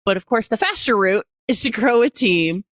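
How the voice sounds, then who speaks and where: A woman with a mid-range voice and lively intonation speaks at normal speed in a clean studio recording with no room sound. A podcast host and coach, she chats in a casual, emphatic, gushing way during an animated interview, often repeating phrases for effect.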